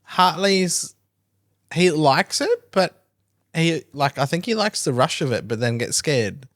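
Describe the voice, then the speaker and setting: Hoarse woman with a lowered, half-sick voice. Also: takes it slowly, no echo, clean studio sound. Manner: rambling, deadpan jokes, many fillers. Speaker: podcast co-host. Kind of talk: casual chat.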